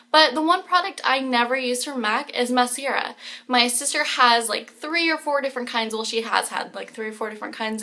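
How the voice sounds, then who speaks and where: Young woman, beauty vlogger, rambling chatty delivery, bright and slightly high voice. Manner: chatty, rambling, many fillers. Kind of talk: casual chat. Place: home kitchen.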